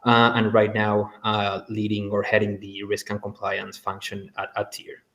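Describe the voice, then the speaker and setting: Hesitant, flat-toned man from Argentina. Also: on the low side, normal speed. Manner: hesitant, many ums and repeated words. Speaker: panelist, compliance director. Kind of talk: webinar self-introduction.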